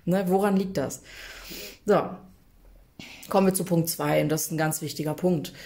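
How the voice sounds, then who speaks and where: A woman's voice: sits low, steady tone, moderate pace, creaky, warm tone. A woman coaching viewers in a casual, direct-to-camera advice talk, chatty and emphatic, often tagging her sentences with a questioning "ne?". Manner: addresses viewers directly and informally. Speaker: coach for people affected by narcissistic abuse.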